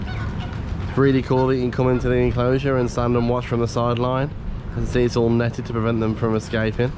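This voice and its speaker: Man, average pitch, casual vlog narration, chatty, appreciative, noisy outdoor ambience. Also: completely flat delivery, fairly quick. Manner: chatty, appreciative running commentary. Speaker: vlogger. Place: outdoors at a theme park zoo. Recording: noisy outdoor recording with vehicle sounds. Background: loud outdoor ambience.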